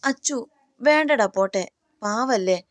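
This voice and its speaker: A woman reading as a young man urging calm. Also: mid-range voice, a little slow, no echo, clean studio sound, pitched above the performer's own voice. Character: young man restraining his angry friend.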